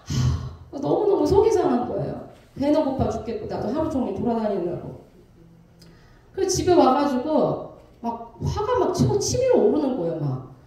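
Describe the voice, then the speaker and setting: A pastor's wife in her thirties giving an animated testimony sermon, acting out the voices in her story. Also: high voice, normal speed. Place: church sanctuary. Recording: very echoey church from a distance.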